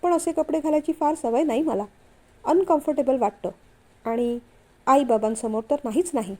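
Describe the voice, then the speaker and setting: A woman voicing a shy, modest young wife who pleads and protests softly, read aloud as a story. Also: sits high, normal speed, lightly acted. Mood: pleading. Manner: pleading, flustered.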